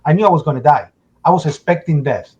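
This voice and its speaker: A man's voice: a little high, animated, quick pace, lo-fi sound. Man retelling a disaster, urgent. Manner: urgent storytelling, acts out shouts and his own past words. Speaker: interview guest. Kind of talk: emotional first-person testimony.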